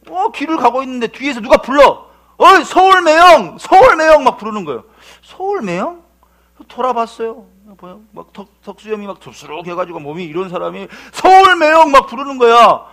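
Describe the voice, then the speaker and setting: A male pastor preaching a sermon, telling stories lively and asking then answering his own questions. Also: high voice.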